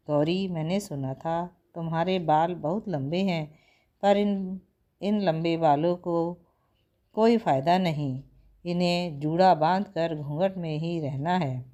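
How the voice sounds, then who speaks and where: A woman's voice: lowish voice, takes it slowly, mellow. A woman voicing a teasing elder sister-in-law in a storybook tale.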